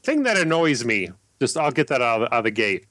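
A man hosting a casual podcast chat, rambling and halting with lots of fillers and restarts. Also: mid-range voice, very animated, a bit bright, no room sound. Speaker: podcast host.

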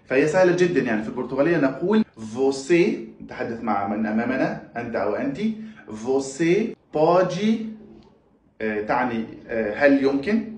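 Man teaching in an echoey room. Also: mid-range voice. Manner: slow, repeats each phrase several times. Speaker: language teacher. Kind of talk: casual video lesson. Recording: echoey room, far from mic.

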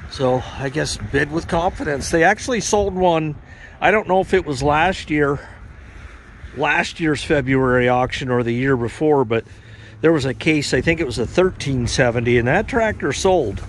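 A man's voice: on the high side, normal speed, slight background noise. A man giving a casual, rambling walk-around commentary outdoors at a snowy equipment auction lot, talking into a handheld camera. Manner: relaxed, rambling, uses fillers. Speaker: farm equipment vlogger.

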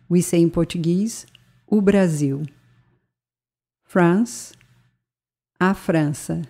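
A woman with a fairly low, warm voice narrates a scripted bilingual language lesson. As a language teacher, she speaks carefully and spells words out.

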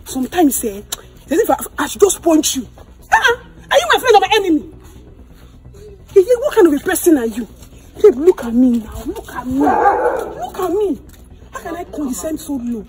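High, shrill indignant woman. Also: very animated, normal speed. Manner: indignant, loud scolding with sharp swings. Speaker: comic actor. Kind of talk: comedy skit acting.

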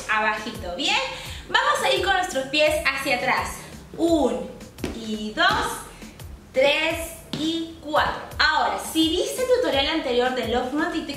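A young woman with a very high, bright voice leads a dance lesson. She counts the beats and makes sound effects for the steps, keeping it upbeat and encouraging. She is heard from a distance in a very echoey room, with faint music underneath. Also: a little hiss or hum. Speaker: dance instructor. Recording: very echoey room, mic far off.

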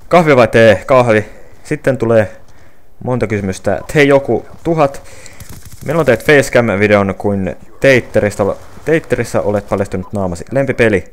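A young man reading viewer questions off his phone and answering them casually, with many fillers and restarts. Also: fairly low pitch. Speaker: gaming channel creator answering viewer questions.

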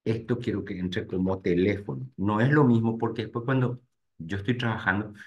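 A man's voice: fairly low pitch, fairly quick, muffled recording. A man teaching real estate agents in a live webinar, talking to his audience directly and thinking aloud as he clicks through screens. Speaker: real estate marketing instructor.

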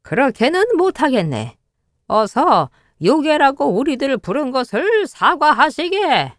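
Cartoon old hermit men voiced by a woman, bickering, drawn-out whine. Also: sits high, very animated, no echo, clean studio sound, voice pushed up. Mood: grudging. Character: two quarrelsome old male mountain hermits. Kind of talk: storybook cartoon voicing.

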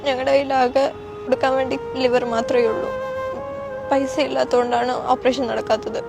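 Tearful young woman with a creaky voice. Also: high-pitched, little pitch movement, a little fast. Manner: distressed, pleading. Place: outdoors in front of a hospital at night. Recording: music playing behind the voice.

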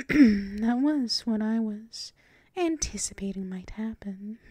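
With a mid-range, slightly rough voice, a woman slowly acts out an intimate ASMR scenario as a doting, gentle, teasing dominant girlfriend. She often whispers close to the mic in a soothing, affectionate murmur, and the recording is dry.

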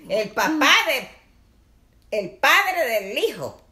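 Bright lively woman stumbling through English. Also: sits high, slow. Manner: confused, repeats words, laughs at herself. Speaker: show regular learning English. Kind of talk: casual comic chat.

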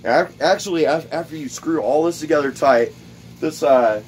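Here a man with a fairly high voice talks at a moderate pace, slight noise in the background. He's a DIY video host in a cluttered home workshop, casually rambling through a build step by step, repeating words and leaning on fillers.

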